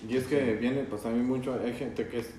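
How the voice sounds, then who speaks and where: A man chatting calmly on a podcast, thoughtful, with hesitant pauses. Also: mid-range voice, slight background noise. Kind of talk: casual chat. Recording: roomy, from a distant mic.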